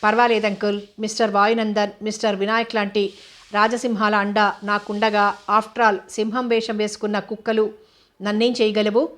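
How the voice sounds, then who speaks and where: A woman's voice: medium pitch, level tone, normal speed, a bit bright, lightly acted. A woman voicing a confident young female officer who asks cool, probing questions in a storybook reading.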